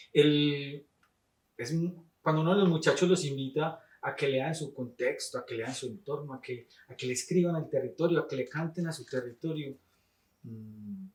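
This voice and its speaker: A man's voice: medium pitch, distant mic. A man, a teacher interviewing a guest in a thoughtful, rambling way. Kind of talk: conversational interview questions. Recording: roomy, off-mic sound.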